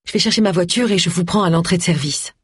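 Reader doing a kind upbeat young woman, comforting, bit higher voice. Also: fast, slightly rough, dry recording, studio quality. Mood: cheerful. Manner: warm and reassuring.

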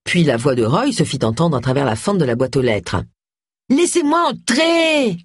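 Expressive husky audiobook narrator. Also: mid-range voice, a little fast, no echo, clean studio sound. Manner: expressive reading with varied voices. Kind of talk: scripted narration.

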